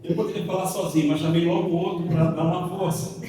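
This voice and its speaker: A Brazilian-accented man gives an informal seminar lecture to an audience in a large hall, fast and mellow, his high voice holding a steady tone. He's chatty and jokey, slipping in slang and acting out small quotes. The hall echoes and the mic sits far away.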